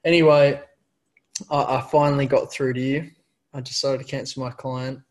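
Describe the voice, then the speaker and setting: A man's voice: medium pitch, level tone, normal speed. A young man telling a personal story in casual chat. He stumbles and repeats words often as he talks.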